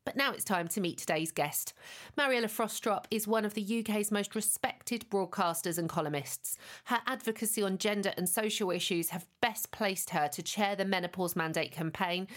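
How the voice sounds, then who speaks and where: A woman's voice: medium pitch, normal speed, fairly bright tone. Upbeat woman podcast host. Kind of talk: scripted introduction and interviewing.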